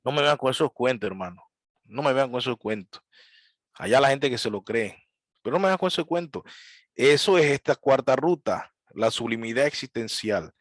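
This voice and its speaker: Animated church teacher, man. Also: mid-range voice, no room sound. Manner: lively storytelling, mimics piano sounds and preachers. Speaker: Bible teacher. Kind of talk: church class lecture.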